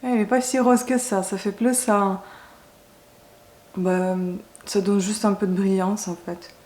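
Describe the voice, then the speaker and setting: In an echoey space with a hint of background noise, a beauty vlogger does her makeup and chats informally to the camera, often breaking off to hesitate or rephrase. Her mid-range voice is steady and measured, with a somewhat dark tone.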